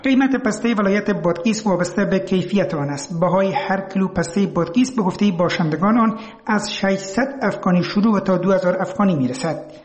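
Roomy, high-voiced Afghan male reporter. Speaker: radio news reporter. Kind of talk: scripted radio news report. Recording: roomy, echoing voice recording.

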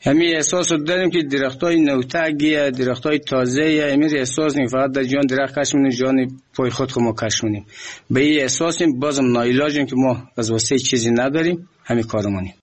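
A man in his fifties with an Afghan accent from Badghis, giving plain spoken testimony as an interviewed villager. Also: mid-range voice. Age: 50s.

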